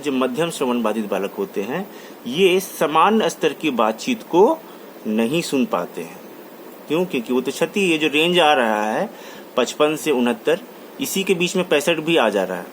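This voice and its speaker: Very animated and fairly high-pitched, a college lecturer talks at a moderate pace in a classroom, slipping English terms into his Hindi. He keeps repeating key terms and restating points, and faint background noise runs under the recording.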